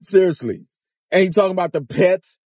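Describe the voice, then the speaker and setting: A man's voice: sits high, brisk, darkish tone, no echo. A middle-aged man giving informal commentary in a car, emphatic and challenging, with incredulous rhetorical questions. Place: inside a car.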